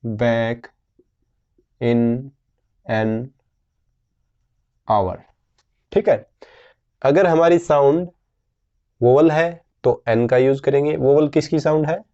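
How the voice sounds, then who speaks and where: A man teaching a grammar lesson at an unhurried, patient pace. He asks his class questions and answers them himself. His voice is mellow and comes through a somewhat dull, lo-fi recording. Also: mid-range voice. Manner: slow, patient explaining with frequent questions to students.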